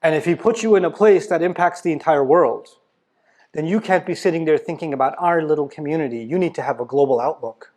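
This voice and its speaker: A man lectures on religion to motivate his listeners, his voice fairly high, a bit mellow and fairly quick. This Islamic lecturer is blunt and emphatic, rattling off rhetorical questions and teasing the crowd.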